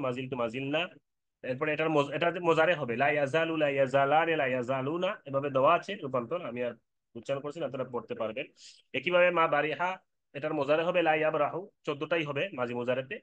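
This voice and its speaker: A man's voice: a little high, fairly bright tone, no echo, highs cut off. A man teaching an Arabic grammar lesson from a sheet, repeating terms and reciting lists of word forms.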